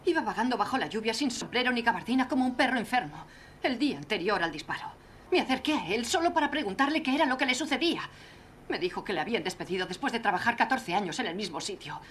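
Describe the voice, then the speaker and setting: Film dub: fiery wronged young woman, high-ish voice, bitter, tearful edge. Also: animated, fast talker, fairly bright tone, slight background noise. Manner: bitter and accusing, voice breaking into tears. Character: Molly, a fiery, wounded young woman, defiant. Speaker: witness.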